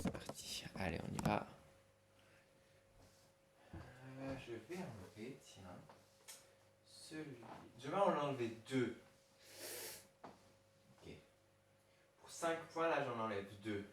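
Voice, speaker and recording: Man teaching a dictation in an echoey room. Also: mid-range voice. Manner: patient, spells words letter by letter, hums to hide answers. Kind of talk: classroom dictation lesson. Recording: echoey room, faint noise.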